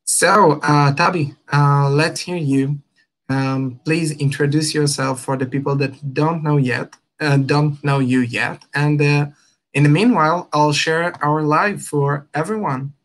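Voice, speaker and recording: Man, live stream host, slow, halting, lots of fillers. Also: on the high side, fairly even intonation, a bit bright. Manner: hesitant, many fillers. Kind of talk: hosting a live stream interview.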